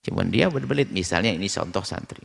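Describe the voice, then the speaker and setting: An Islamic preacher delivers a sermon in a fast, creaky, slightly rough voice, quoting Arabic hadith and then translating them. He tells anecdotes with animated flair, acting out characters through sharp jumps in pitch.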